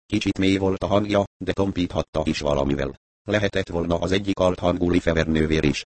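A man narrating an audiobook, measured and matter-of-fact. His voice is very low, and the studio recording is dry and close. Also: darkish tone, no room sound. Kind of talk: audiobook narration of a crime novel.

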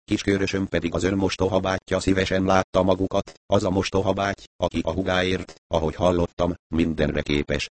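A man reading an audiobook, voicing a cool-headed male investigator who questions suspects in a measured, probing way. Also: low voice, flat delivery, no echo, lightly acted. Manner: measured, probing, coolly ironic.

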